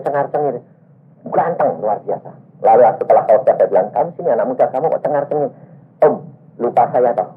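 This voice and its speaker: A man preaching a sermon, telling a healing story with lively acted-out dialogue and sudden high exclamations. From Indonesia. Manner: animated storytelling, acting out dialogue, pitch jumping to high exclaims. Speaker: evangelist preacher. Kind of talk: sermon with testimony. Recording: tinny phone-like recording with faint music.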